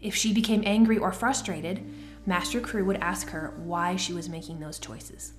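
A woman narrating a children's storybook in a gentle, even-paced reading. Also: fairly low pitch, moderate pace, soft background music.

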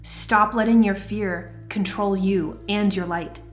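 A woman voicing a wise, stern female mentor in a storybook reading, speaking in a calm, firm, measured way. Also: mid-range voice, soft background music, lightly acted.

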